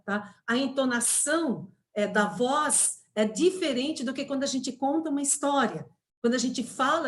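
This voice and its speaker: A Brazilian woman in her fifties lectures over a video call, patiently explaining and checking in with her listeners. Her voice sits a little high, and she leans on tag questions and fillers as she goes. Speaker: guest speaker, teacher trainer. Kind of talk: webinar lecture.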